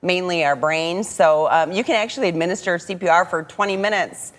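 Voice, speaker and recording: A woman's voice: on the low side, brisk, a little hiss or hum. A woman with an American accent speaking as a guest educator, explaining and demonstrating on live television.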